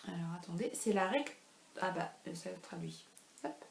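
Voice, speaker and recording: A woman's voice: fairly low pitch, lively intonation, unhurried, gravelly. Rambling woman chatting about knitting at home. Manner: rambling, self-deprecating, many fillers. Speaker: knitting podcast host. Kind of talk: casual chat. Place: home room. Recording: echoey room with faint ambient noise.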